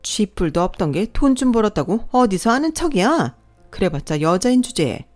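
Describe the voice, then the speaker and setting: A woman's voice: medium pitch, very animated, normal speed, a little mellow, soft background music, lightly acted. A woman doing a sneering older mother-in-law. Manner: sneering, belittling.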